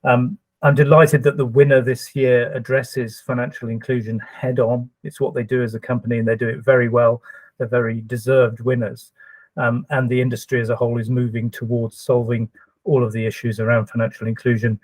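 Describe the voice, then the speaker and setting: A man presenting an award, speaking in a measured way with hesitant fillers. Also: medium pitch, level tone, darkish tone, no echo, rough recording.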